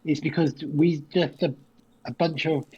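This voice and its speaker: A man's voice: on the high side, fairly even intonation, unhurried, warm tone, slightly rough, lo-fi sound. A man with a British accent playing a humble, awkward mortal adventurer in a tabletop game, rambling, apologetic and polite. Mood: awkward, pleading. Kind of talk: tabletop role-play.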